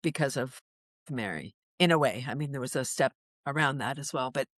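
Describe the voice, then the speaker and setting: An upbeat woman from Canada speaks as an interview guest, animated and full of energy. She laughs easily between thoughts. The sound is dry and close, with no room around her voice. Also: rumbling low, fairly quick, no echo. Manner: enthusiastic, animated, laughs often. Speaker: guest, laughter yoga teacher. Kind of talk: casual interview chat.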